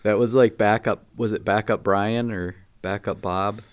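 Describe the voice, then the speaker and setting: Podcast co-host: man with a lowish voice, relaxed conversational questions. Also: a little slow, clear, resonant tone. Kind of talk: casual chat.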